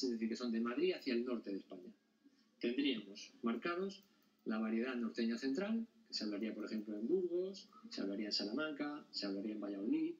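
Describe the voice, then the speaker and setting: A male teacher explains a lesson to his class and keeps checking whether the students follow. He is heard across the classroom, and the sound is dull and lo-fi. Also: mid-range voice. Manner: explanatory, often checks understanding with questions. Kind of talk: classroom lecture. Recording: dull sound, mic at a distance.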